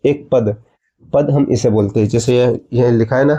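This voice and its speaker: Indian guy teaching maths, very dark mellow voice, kinda dull lo-fi sound. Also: medium pitch, normal speed. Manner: explains step by step, asks the student questions and answers them. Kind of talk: classroom maths lesson.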